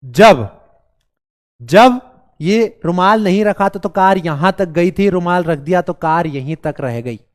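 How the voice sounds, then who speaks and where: सर्दी से बैठे गले और खांसी वाला एक पुरुष शिक्षक, बिहारी लहजे में ऑनलाइन क्लास लेता है, बच्चों को मज़ाकिया ढंग से मनाता और सवाल बार-बार दोहराता है।. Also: male voice, high voice, animated, slow pace. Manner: playful, coaxing, repeats questions to the class. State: hoarse with a cold, coughing. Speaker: teacher. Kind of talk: live online class.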